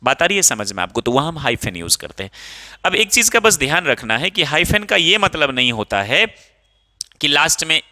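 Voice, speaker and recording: A young male English teacher with a slightly high, very bright and sharp voice runs a grammar lesson. He draws out each example sentence slowly and keeps checking that his students are following along. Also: big pitch swings. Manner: explains slowly, reads example sentences aloud in drawn-out English; checks understanding often, calls students 'babu'.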